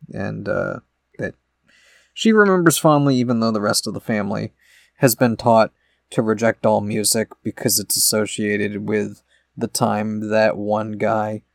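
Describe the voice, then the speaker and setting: A man's voice: on the low side, gravelly, no echo, clean studio sound. A man co-hosting a podcast in casual chat, rambling through explanations with many fillers. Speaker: podcast co-host.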